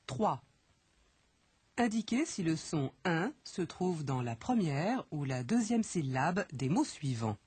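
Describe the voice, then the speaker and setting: A woman reading French pronunciation drills slowly, with deliberate, careful enunciation, in a dry studio recording. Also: deep voice, big pitch swings, darkish tone. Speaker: language course speaker. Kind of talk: slow, clearly read pronunciation drill.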